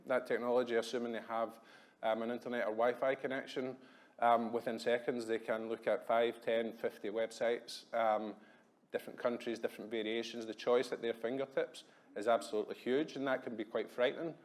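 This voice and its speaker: A man in his thirties from Glasgow with a Glaswegian accent, giving a quick, chatty business presentation at a conference with plenty of ums. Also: mid-range voice, flat delivery. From Scotland. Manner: quick, chatty, self-deprecating, many ums. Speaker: conference speaker. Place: hotel conference room.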